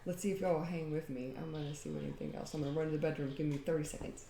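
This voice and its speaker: Chatty low-voiced woman. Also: fairly even intonation, racing, dark tone, reverberant, slight background noise. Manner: rambling and talkative, often laughing. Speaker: home DIY vlogger. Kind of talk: casual chatty demonstration. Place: home.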